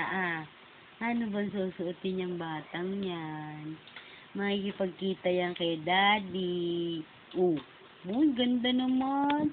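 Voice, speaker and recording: A woman talking to her baby in a home video, cooing, teasing and coaxing in singsong baby talk. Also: medium pitch. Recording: tinny phone-like home video with loud noise.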